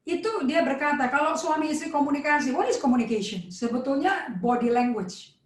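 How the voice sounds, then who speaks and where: A woman pastor with an Indonesian accent preaching a sermon in a lively way, acting out dialogue with shifting tones. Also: sits high, fairly quick. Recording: echoey church hall.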